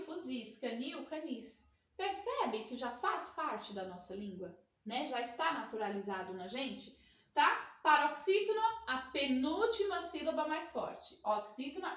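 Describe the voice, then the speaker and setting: High-voiced Brazilian woman teaching slowly. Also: fairly bright tone, reverberant. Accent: Brazilian Portuguese. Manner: slow, drawn-out teacher explanations with frequent checking tags. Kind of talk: grammar lesson.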